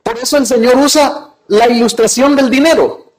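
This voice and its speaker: A man's voice: very high voice, normal speed, low-quality recording. A man preaching a sermon as pastor, retelling a parable in his own words, quoting its dialogue, and putting rhetorical questions to his congregation.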